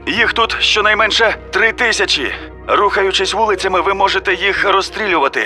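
A man voicing a breathless man who calls in urgent news over the radio, his voice strained and high. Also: lively intonation, fairly quick, pushed and bright, faint music behind, exaggerated voice.

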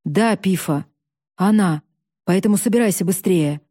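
A woman's voice: on the low side, moderate pace, mellow, husky, no echo, clean studio sound. A woman voicing a worried village father who urges his family and neighbors to flee. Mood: urgent. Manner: urgent, pleading.

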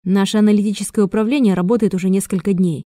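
A woman voicing a calm, self-assured male agent who explains things with conviction. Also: medium pitch, fast talker, no room sound, clean studio sound, lightly acted. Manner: confident, explanatory.

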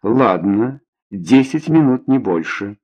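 A man voicing an impatient, unfriendly male pool player in an audiobook, gruff and slow. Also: mid-range voice, expressive, a little mellow, lo-fi sound.

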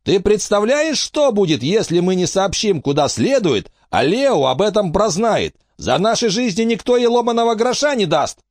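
A man voicing a nervous, dog-faced male gang boss who talks high and jumpy. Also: sing-song, normal speed, few pauses, no room sound, studio quality. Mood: agitated. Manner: high, jittery and shouting.

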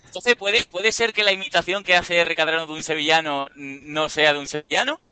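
Man, podcast co-host, teasing casual chat, bright voice, smooth and clear. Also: fairly high pitch, fairly even intonation, a little fast, no echo.

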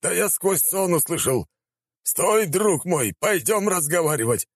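A man voicing an excitable middle-aged male prefect who wheedles and fawns. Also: high-pitched, measured pace, no echo, voice pushed up, full character voice. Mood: excited. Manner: wheedling, shouting, ingratiating.

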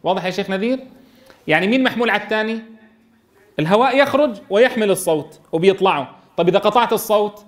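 A man teaching Quran recitation to a class, quizzing students and sounding out letters slowly. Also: sits high, expressive. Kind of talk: classroom tajweed lesson.

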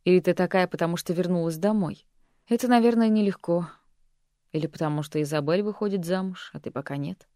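A calm, condescending man, once her lover and her teacher, as a woman narrator reads him. He speaks softly and patronizingly, a little lower and quieter than her narration. The sound is dry and close. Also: fairly quick, no echo, lightly acted. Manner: soft-spoken, patronizing.

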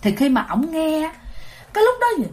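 A woman with a Southern Vietnamese accent narrates a ghost story in a chatty, spoken way, often turning to address her listeners. Her voice is high and full of lively pitch swings. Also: moderate pace. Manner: animated, addresses listeners directly.

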